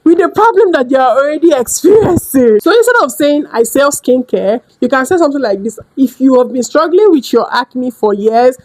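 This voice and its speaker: A woman, coaching small business owners in a casual vlog, direct and lively, often acting out what customers and sellers say. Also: high voice, brisk, few pauses, a little hiss or hum, rough recording. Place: indoors at home during a rainstorm.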